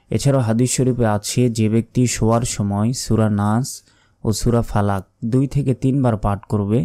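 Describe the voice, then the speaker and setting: A man teaching Quran recitation, explaining each sound slowly and chanting the verses in long drawn-out tones. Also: lowish voice, mellow, no echo, studio quality. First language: Bengali. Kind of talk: slow step-by-step recitation lesson.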